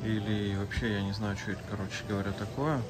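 Over music, a man with a lowish, fairly even voice speaks fast as he narrates his travel vlog, walking outdoors and in hotel rooms with a phone. He chats to viewers as though they were friends, using lots of fillers.

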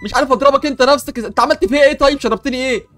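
A man's voice: very high-pitched, rapid-fire, a bit bright, soft background music. A young man with an Egyptian Arabic accent, hosting an improvised game role-play with comic panic and bluster.

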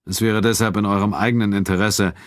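In this spoken storybook, a male reader gives a cold, composed official a voice set above his very deep narrating tone, steady and even throughout. He sounds calm, measured and quietly firm, with only light acting. It's a dry, close recording with no surrounding room.

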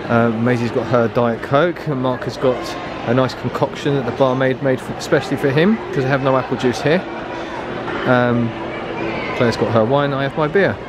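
A middle-aged man films his own vlog with a handheld camera as he wanders a busy resort. He chats with enthusiasm and trails off with fillers. Loud crowd chatter and room noise sit behind him. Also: medium pitch, steady tone, normal speed. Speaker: vlogger, dad. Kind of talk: casual vlog narration. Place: busy resort lounge and restaurant indoors.

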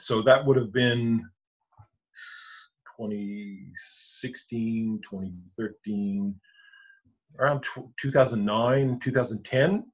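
A Newfoundland-accented Anglican rector in his forties walks through church decisions step by step, often restarting his sentences, in measured explanatory interview answers. His mid-range voice has a breathy edge. He speaks from a bookshelf-lined home study over a video call webcam, and the audio is muffled and lo-fi.

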